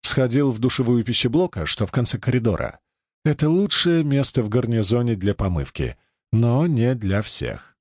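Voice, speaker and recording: Expressive male audiobook narrator. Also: medium pitch, moderate pace, no echo, studio quality. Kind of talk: first-person audiobook narration.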